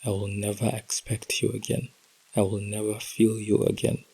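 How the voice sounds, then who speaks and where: A man hosting a podcast, reading a heartbroken letter aloud in a slow, emotional, intimate delivery that drops to whispers at times. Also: fairly low pitch, monotone, vocal fry, mellow, breathy edge, low-quality recording. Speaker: podcast host.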